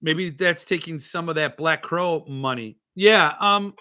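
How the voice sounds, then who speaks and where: Here a book-collecting show host talks in a loose, rambling way about his interests, his s sounds made slushy by a lisp. His fairly high voice is sharp and clean and moves at a measured pace, while he hesitates, thinks aloud and slips into asides.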